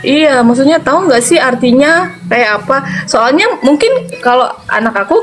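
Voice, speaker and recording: Animated mother telling a story. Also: normal speed, over music. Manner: animated, acts out quoted lines with sharp pitch jumps, laughs often. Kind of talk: casual storytelling in an interview.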